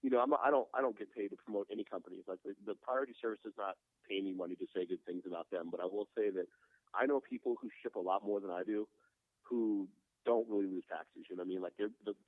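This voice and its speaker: A man's voice: on the low side, quick pace, no echo. A man in his late thirties, a guest glassblower talking business in an earnest, reflective way, calling in by phone. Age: 30s. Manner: earnest, reflective, frequent "man" and "you know". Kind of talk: casual podcast conversation. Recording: tinny phone line.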